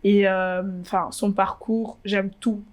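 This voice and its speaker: The young Congolese woman, a fashion blogger in her twenties, speaks slowly at medium pitch with little pitch movement. In this casual interview she hesitates often, using lots of fillers and restarting sentences.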